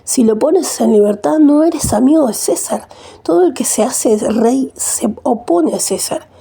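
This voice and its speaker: Angry crowd of priests; woman reader with a dark husky tone. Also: a little high, normal speed. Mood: accusing. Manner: read plainly in the reader's own voice.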